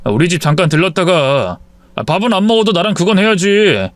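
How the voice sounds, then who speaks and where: A man's voice: high-pitched, expressive, a little fast, no echo. A pushy young man teases and wheedles in a casual, everyday voice, as a male narrator puts him on. The sound is dry and close. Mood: teasing. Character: young man, smug lover.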